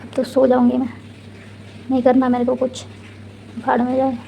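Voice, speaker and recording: A woman's voice: high voice, monotone, moderate pace, creaky, warm tone, a little hiss or hum, low-quality recording. Young woman, numb-mouthed vlog chatter. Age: young adult. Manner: chatty, rambling, exasperated asides. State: slightly slurred speech from dental anesthesia. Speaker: vlogger. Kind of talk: casual vlog chat. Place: hostel room.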